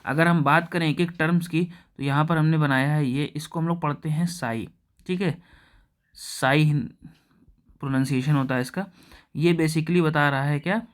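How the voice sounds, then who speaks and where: Man, Indian accent, chemistry teacher, slightly high voice, checks in often, dictates equations slowly. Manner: explains step by step, often checking in with "okay?"; slows right down to dictate equations. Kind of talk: classroom lecture.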